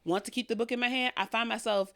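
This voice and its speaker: A woman chatting casually as a podcast co-host, with an animated, slangy way of talking full of swearing. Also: a little high, fast talker. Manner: animated, slangy, profanity-laced talk. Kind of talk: casual chat.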